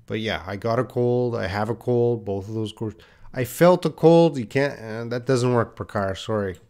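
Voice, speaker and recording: In a live online English lesson, a male teacher with a mid-range, darkish voice speaks at a moderate pace. He patiently reads viewers' answers aloud and corrects them, repeating example phrases.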